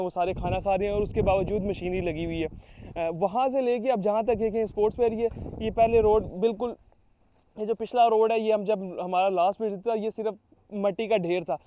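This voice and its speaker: A young man, a real estate agent giving a persuasive sales pitch outdoors at a construction site, with frequent fillers. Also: dark tone. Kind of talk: promotional site-visit talk to camera.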